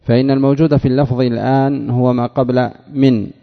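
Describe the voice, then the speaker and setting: Teaching Arabic grammar and morphology, a sheikh repeats examples and quizzes students by name in a classroom lesson. He speaks a little fast at medium pitch with little pitch movement and some vocal fry. The lo-fi recording sounds dull and echoes in a reverberant hall.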